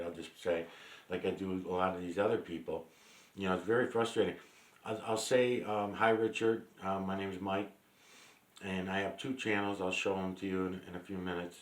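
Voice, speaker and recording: A low-voiced man rambling to camera in a loose, meandering monologue. He stops and restarts often, full of fillers, and swears bluntly. His voice rings in a roomy, echoey space. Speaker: vlogger. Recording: roomy echo.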